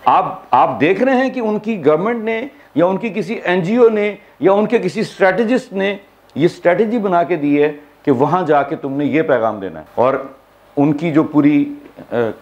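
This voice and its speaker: A man leads a university workshop, pressing his points hard and firing rhetorical questions at the room. His voice sits fairly high. The recording is dull and lo-fi. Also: a little mellow. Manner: emphatic, rhetorical questions, mixes English phrases into his talk. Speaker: workshop trainer. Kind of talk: workshop lecture. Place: university seminar hall.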